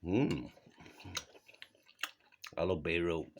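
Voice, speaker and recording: A man with a deep, drawn-out Yorkshire voice hosts a joke cooking show from his home kitchen, with noise in the background. He pokes fun at himself and chuckles between lines.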